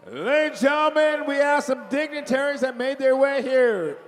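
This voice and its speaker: A man working as a powwow emcee, calling up dancers and dignitaries with drawn-out, shouted announcements over a PA. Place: large powwow arena over PA. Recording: booming PA with long hall reverb.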